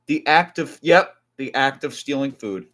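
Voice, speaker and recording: A man's voice: medium pitch, animated, unhurried, fairly bright tone. A man from New Jersey chatting casually on a live stream, rambling with restarts and asides while reading definitions aloud.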